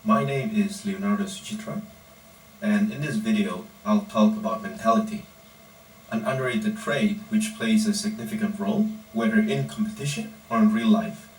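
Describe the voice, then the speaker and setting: A man, a powerlifting coach giving a measured, deliberate personal monologue in short phrases. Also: lowish voice, lively intonation. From Indonesia. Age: 20s. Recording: roomy echo, distant mic, faint background noise.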